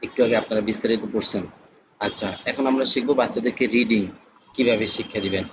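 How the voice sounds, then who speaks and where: A man teaching a classroom lesson, explaining slowly and repeating each point. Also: lowish voice, steady tone, noisy background. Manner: slow, repetitive explaining.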